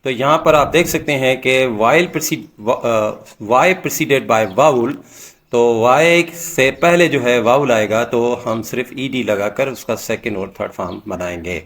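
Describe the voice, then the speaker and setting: Slow-speaking man teaching grammar. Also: mid-range voice, fairly bright tone. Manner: reads English rules slowly, then explains in Hindi. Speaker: English teacher. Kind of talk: slow explanatory grammar lesson.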